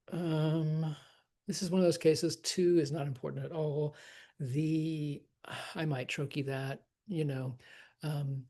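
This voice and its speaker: Slow husky guy teaching shakespeare meter, taps out the beats aloud. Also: on the high side, dark tone. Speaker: acting teacher. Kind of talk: teaching verse scansion.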